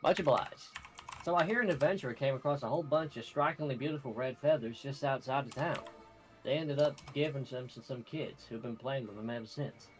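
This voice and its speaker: A man's voice: medium pitch, fairly quick, natural voice, rough recording. Brief: man voicing a drawling, chatty informant, plain mid voice, music underneath. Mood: folksy. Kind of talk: reading game dialogue aloud.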